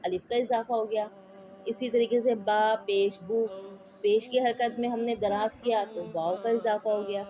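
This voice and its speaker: A woman's voice: on the high side, fairly even intonation, measured pace, mellow, faint music behind. A woman teaching Quran reading in a patient, explanatory way. She repeats each point and keeps checking that her students follow. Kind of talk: slow explanatory lesson with spelled-out drills.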